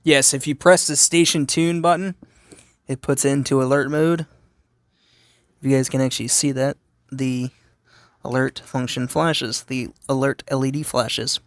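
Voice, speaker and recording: A hobbyist man with a mid-range voice demonstrates a gadget in a casual, unscripted review, explaining as he goes and asking and answering his own questions. His intonation stays fairly even, and he speaks unhurriedly with frequent pauses. He holds a phone camera while demonstrating, yet the recording is dry and of studio quality.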